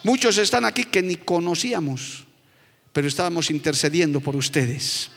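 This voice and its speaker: A man's voice: on the high side, moderate pace, gravelly, a bit bright. A male pastor with a Bolivian Spanish accent preaching a fervent sermon, calling out to the congregation as brother. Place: church hall. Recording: long hall reverb.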